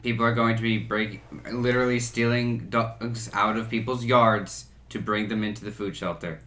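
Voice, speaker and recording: A young man co-hosting a podcast, explaining his points in a measured way during casual chat. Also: lowish voice, fairly even intonation, pushed and bright, echoey room. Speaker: podcast co-host.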